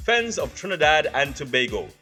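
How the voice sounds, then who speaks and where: A man's voice: a little high, sing-song, normal speed, bright, forceful tone. A man announcing a store commercial in an upbeat, punchy sales voice. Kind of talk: radio-style commercial. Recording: ad read over music.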